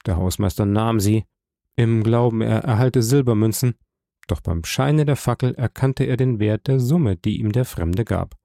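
Gravelly, mellow male audiobook narrator. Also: fairly low pitch, moderate pace, no echo, studio quality.

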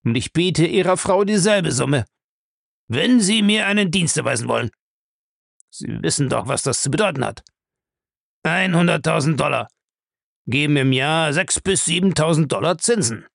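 Man doing a domineering, gruff old man. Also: fairly high pitch, lively intonation, normal speed, long pauses, fairly bright tone, dry recording, studio quality, voice pushed up, full character voice. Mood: bargaining, gruff.

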